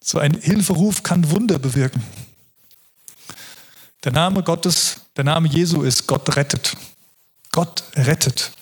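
A man's voice: a little high, slow, pauses often, slightly rough. A man preaching a sermon in an earnest, reflective way, often restarting his sentences.

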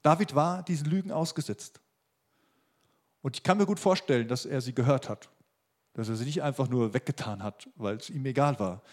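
A man's voice: mid-range voice, fairly quick, a little mellow. A man preaching a sermon as pastor, emphatic and repeating his key phrases.

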